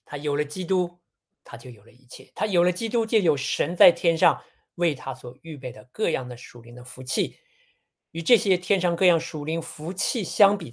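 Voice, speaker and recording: A preacher giving a sermon on a Bible passage in a measured, teaching tone, often posing rhetorical questions. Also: mid-range voice.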